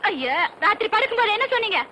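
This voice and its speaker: Cheeky sharp-tongued village wife, very high fast voice, always talking back. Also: female voice, big pitch swings, a little hiss or hum, heavily acted. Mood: complaining. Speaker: wife in a film comedy. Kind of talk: Tamil film comedy dialogue.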